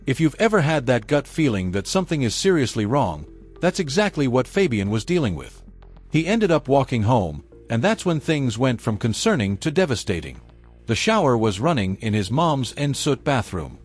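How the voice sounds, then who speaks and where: A man's voice: medium pitch, slightly rough. A man narrating a scripted true crime story in a dramatic storytelling manner, leaning on short emphatic phrases. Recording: voice over background music. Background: music.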